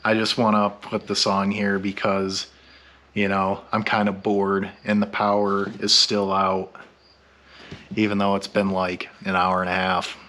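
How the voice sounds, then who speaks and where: A drunk man rambling through a blunt, profane vlog monologue, halting and meandering, stammering over his words. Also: low voice, completely flat delivery, pushed and bright. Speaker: YouTube vlogger.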